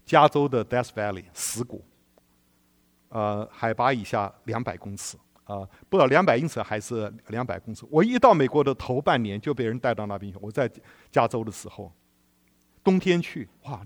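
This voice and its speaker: A man preaching a sermon in an animated storytelling way, putting rhetorical questions to the congregation and chuckling often. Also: medium pitch.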